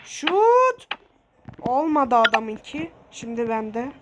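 A woman narrates her football video game match live, shouting and groaning at missed shots. Her voice is high and leaps all over the place, though her words come slowly. Loud noise and clicking run under the recording. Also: animated. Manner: shouting, exasperated, swearing at the game. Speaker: gaming video host. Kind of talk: excited live game commentary.

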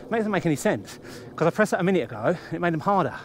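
A man's voice: fairly high pitch, sing-song, racing, noisy background. A man, filming himself in a garage and then on a bike, talking to the camera in a chatty, self-mocking way. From England. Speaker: vlogger. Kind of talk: casual self-filmed vlog commentary. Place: garage, then outdoors cycling on roads. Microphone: action camera mounted on bike and chest.

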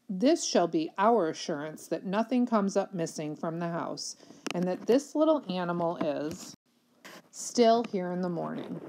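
Storybook villainess: a haughty, scolding foster mother, read by a woman, lowish voice, prim and formal. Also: noisy background. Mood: cold, mocking. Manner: formal, scolding, lofty diction. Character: stern, haughty middle-aged foster mother.

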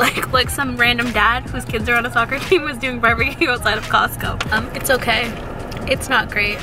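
A woman's voice: on the high side, poor audio. A young woman in her twenties vlogging casually with a camera at arm's length, blunt and sarcastic. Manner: blunt, sarcastic food critique. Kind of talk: casual vlog narration. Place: in a car, then outdoors at a hotel. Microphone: camera held at arm's length.

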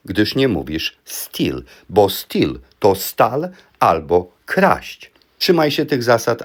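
A man teaching English pronunciation in a firm, emphatic scripted monologue, drilling word pairs one by one. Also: low-pitched.

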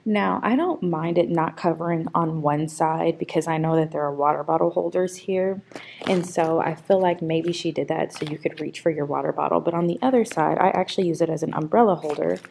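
A woman's voice: deep voice, brisk, gravelly, darkish tone, a little hiss or hum. A young woman chatting casually to camera in a vlog, rambling with lots of fillers and talking while walking about. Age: young adult. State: out of breath. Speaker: vlogger.

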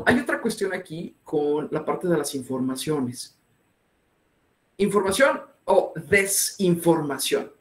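A man's voice: high voice, roomy sound. A man giving an interactive online lecture, asking his audience many questions. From northern Mexico. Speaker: webinar speaker.

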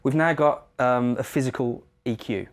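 A man's voice: medium pitch, moderate pace. A man in his thirties giving a casual, informal product demo as a brand representative in a guitar shop.

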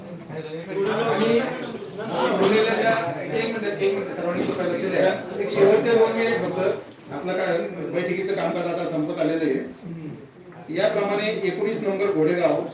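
A man, an official, reading out a formal list of announcements over an outdoor loudspeaker in a measured, repetitive manner. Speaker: official announcing a reservation draw. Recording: boomy loudspeaker echo, distant, crowd noise.

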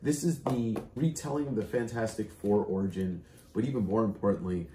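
Loud, animated middle-aged man in a roomy space. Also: on the low side, a little fast. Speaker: co-host of a comic collecting show. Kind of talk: casual chat showing off comic finds. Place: indoor room lined with comic shelves, seated at a table. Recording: roomy echo.

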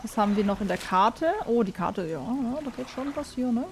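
A woman hosting a casual gaming video, talking to herself as she plays, excitable and chatty, with the odd curse and giggly sing-song bursts. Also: on the high side, a little fast, slight background noise. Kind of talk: casual let's-play commentary.

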